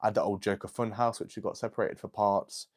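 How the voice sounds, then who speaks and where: An eighteen-year-old man hosts a casual livestream, chatting and answering viewer comments in a rambling way, full of "like" and "um." His voice is fairly low and steady, and he speaks briskly.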